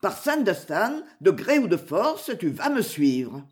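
A woman's voice: mid-range voice, very animated, slow, a little mellow. A woman reading aloud voices a fierce, mocking male outlaw who boasts and threatens. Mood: menacing.

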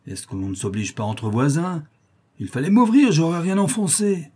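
A man voicing a hoarse drunken brute, raised pitch, loud bullying shouts. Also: expressive, normal speed. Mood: threatening. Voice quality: hoarse, rough. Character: drunken lame brutish male neighbor.

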